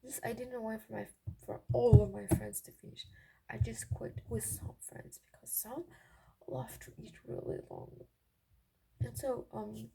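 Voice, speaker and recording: A young woman vlogger shares personal stories in a casual, giddy, gossipy way, rambling and frequently interrupting herself. Her fairly high, mellow voice holds a steady tone and moves a little slowly. The clearly noisy, raw amateur recording has clicks.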